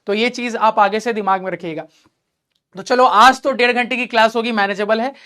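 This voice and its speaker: A man's voice: sits high, steady tone, a little fast, pushed and bright. A man teaching math in an online class, encouraging his students and repeating key points while talking to them directly.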